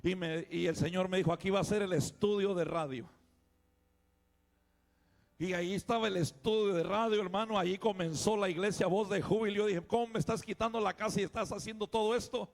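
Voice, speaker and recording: A middle-aged man, a pastor giving a fervent sermon testimony that rises to loud exclamations. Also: high voice, steady tone, brisk, creaky.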